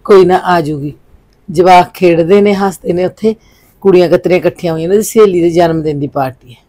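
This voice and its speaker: A woman's voice: lowish voice, a little fast, natural voice. A middle-aged woman, playing an easygoing mother who defends her daughter. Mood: indulgent. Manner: indulgent, calmly arguing back. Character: easygoing village mother, indulgent. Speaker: mother of a college girl. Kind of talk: village family drama acting.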